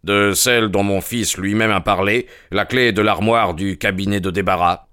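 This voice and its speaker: A man's voice: fairly low pitch, steady tone, moderate pace, sharp tone, smooth, no room sound, clean studio sound. A man voicing an anxious, stubborn middle-aged banker who speaks insistently. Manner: insistent, emphatic. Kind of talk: audiobook character reading.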